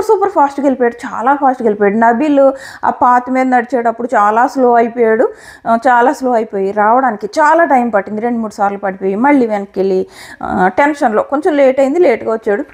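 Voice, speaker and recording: A woman giving an opinionated, animated review of a reality show episode. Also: high voice. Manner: animated, opinionated retelling with quoted lines. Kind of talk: casual commentary.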